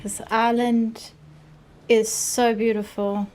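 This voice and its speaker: A woman's voice: on the high side, level tone, slow pace, a little mellow, a little hiss or hum, low-quality recording. A woman livestreaming a game, giving casual commentary and reading quest dialogue aloud. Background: game music.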